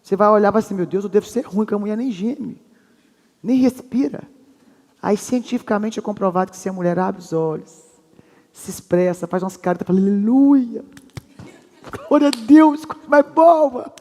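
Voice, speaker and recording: Middle-aged woman preacher, humorous and lively, mid-pitched, recorded with long hall reverb. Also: brisk. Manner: lively, joking storyteller who addresses the audience directly. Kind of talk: humorous sermon teaching.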